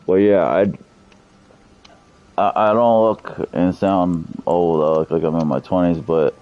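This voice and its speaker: A man's voice: low-pitched, steady tone, a little slow, narrow, tinny audio. A man in his thirties streaming a game, chatting loosely and cursing freely with his viewers. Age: 30s. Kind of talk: casual live-stream chat.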